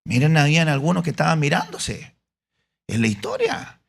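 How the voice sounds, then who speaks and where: A gravelly-voiced Chilean pastor preaching to his congregation in a church. His voice sits fairly high for a man, and he moves between plain teaching and lively acted-out scenes. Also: normal speed. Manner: animated, acts out scenes with voices. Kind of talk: sermon.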